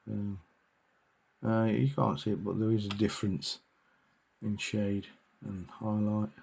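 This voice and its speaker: A man's voice: on the low side, flat delivery, measured pace, vocal fry, a little mellow, a little hiss or hum. A man giving a casual miniature painting tutorial, talking hesitantly with many fillers.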